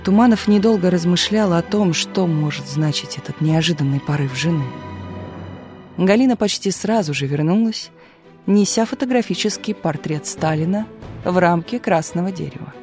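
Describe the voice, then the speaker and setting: An audiobook narrator reading a novel in an even, measured storytelling manner. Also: mid-range voice, faint music behind. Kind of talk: scripted narration.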